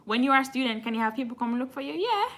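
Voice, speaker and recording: Pitched high and animated, this Jamaican woman talks at a racing clip with a fairly bright tone. On her immigration channel's casual live stream, she fields viewer questions with frankness, openly saying when an answer is beyond her.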